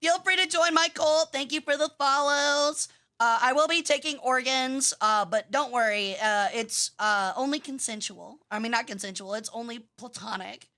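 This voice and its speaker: A woman with a very high, bright voice chats on a game livestream. She has a cute anime streamer persona and talks playfully to her audience. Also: normal speed.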